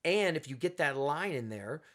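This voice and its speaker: A man, a music producer guest, telling stories in a relaxed podcast chat and acting out quoted voices. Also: fairly high pitch, normal speed. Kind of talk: casual podcast conversation.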